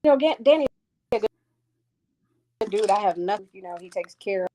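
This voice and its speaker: A woman talking casually as a guest over a remote call line, with the audio cutting in and out as she speaks in an easygoing, halting way. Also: mid-range voice, lively intonation, warm tone, slight background noise. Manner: easygoing, halting, with many fillers. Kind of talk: casual conversation.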